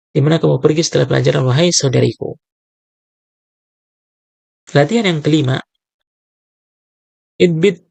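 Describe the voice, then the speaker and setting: Man, gravelly voice, slightly high, teaching, reads slowly then translates, dry sound. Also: a little mellow, no echo. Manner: reads Arabic sentences slowly, then translates them with frequent "ya" checks. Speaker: Arabic teacher. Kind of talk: explaining lesson.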